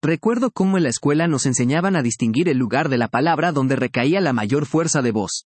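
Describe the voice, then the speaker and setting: A man reading a scripted language lesson in a measured, explanatory way, each word clearly pronounced. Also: mid-range voice, lively intonation, no room sound. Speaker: language teacher. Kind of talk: scripted educational narration.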